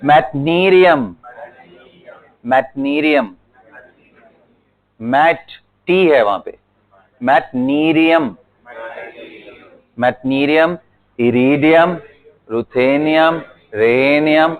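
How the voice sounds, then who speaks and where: Slow tinny-sounding man teaching chemistry. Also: on the high side. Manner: drills element names slowly, repeating them for students; mixes Hindi with English terms, calls students beta. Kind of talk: online chemistry lesson. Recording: tinny phone-like audio.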